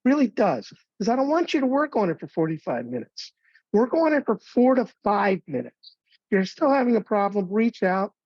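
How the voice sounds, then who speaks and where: A man training advisors on planning software in a relaxed, conversational webinar, with fillers and light jokes. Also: high-pitched, moderate pace, dry recording. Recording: dull, dry webinar audio.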